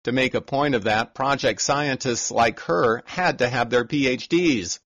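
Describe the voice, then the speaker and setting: A man hosting an agricultural podcast, reading a scripted narration in a measured, informative way. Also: mid-range voice, a bit bright, no echo, highs cut off. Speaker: podcast host and farm reporter.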